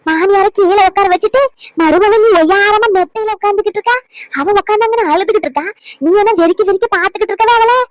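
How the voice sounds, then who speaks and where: A woman playing a meddling neighbour who pries into a family quarrel and scolds with sharp, rapid questions. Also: very high-pitched, dry recording, low-quality recording. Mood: scolding.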